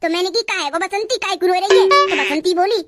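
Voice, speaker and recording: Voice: extremely high pitch, fairly quick. A voice actor playing a chatty village woman in a cartoon, recounting gossip at length. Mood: gossipy. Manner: gossipy, talkative. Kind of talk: cartoon voice acting. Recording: loud music under the voice.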